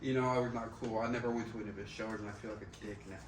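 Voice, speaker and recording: A man's voice: fairly low pitch, steady tone, rapid-fire. A man talks in a loose, candid, slangy way, circling back over his phrases and swearing freely. He sounds set back from the microphone in a roomy space, with faint noise behind him. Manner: candid, profane, slangy, repeats himself. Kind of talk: casual chat. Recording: roomy, distant mic, faint background noise.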